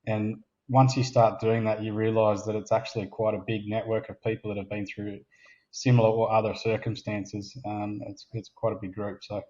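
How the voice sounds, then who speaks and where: Low, flat-voiced man. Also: dull audio. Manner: measured, thoughtful, reassuring. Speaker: podcast co-host. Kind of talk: casual chat.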